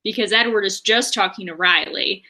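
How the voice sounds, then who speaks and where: Bright-voiced chatty woman podcaster. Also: mid-range voice, moderate pace. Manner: chatty recap with fillers and laughs. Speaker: podcast co-host. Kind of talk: casual book discussion.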